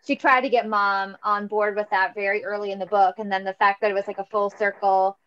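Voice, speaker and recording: A woman's voice: mid-range voice, flat delivery, a little fast, a bit bright. A woman teacher lays out a long, thoughtful point in a book discussion. Her voice sits in a middle range. The audio is dull and lo-fi.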